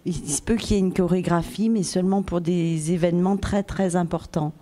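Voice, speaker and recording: A woman doing live consecutive interpreting, halting as she searches for words. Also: lowish voice, steady tone, warm tone.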